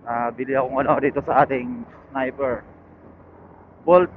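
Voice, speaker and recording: This Filipino motorcycle vlogger talks to viewers in an unhurried, flat, mid-range voice while out riding, chatting casually without a script. His helmet intercom headset, connected to an action camera, gives a phone-like sound, and the loud roar of the engine and road fills the background.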